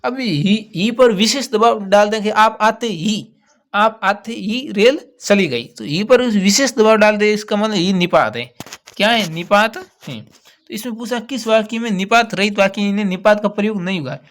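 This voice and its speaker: A man with a notably high voice is working through exam questions like a teacher. He explains patiently and goes back over key words so students catch them. His delivery stays steady and methodical. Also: normal speed. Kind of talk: exam answer walkthrough.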